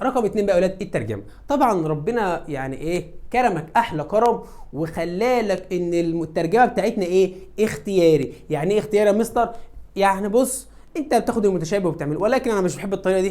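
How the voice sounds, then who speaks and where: A man with an Egyptian Arabic accent teaching English to high school students, who asks questions and answers them himself. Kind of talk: classroom lesson explaining exam answers.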